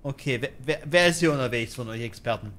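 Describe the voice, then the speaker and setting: A man's voice: medium pitch, fast, fairly bright tone. A man giving casual, sarcastic and crude commentary while playing a video game, joking and talking back at the game. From Germany. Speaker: gaming YouTuber. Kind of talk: casual let's-play commentary.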